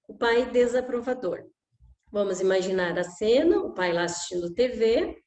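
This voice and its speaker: A woman's voice: fairly high pitch, a little mellow. A middle-aged woman explaining emotional education in a conversational way, often adding "né?" and acting out examples. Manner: conversational, with frequent "né?" tags and acted examples. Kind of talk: informal talk to camera. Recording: echoey room.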